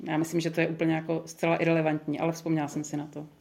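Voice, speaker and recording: A woman guides a small group through a Bible passage in a relaxed, conversational way. She thinks aloud, restarts her sentences and fills her pauses. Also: low voice, gravelly. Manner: thoughtful, chatty, with many fillers and restarts. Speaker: Bible study leader. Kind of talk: leading a group Bible study.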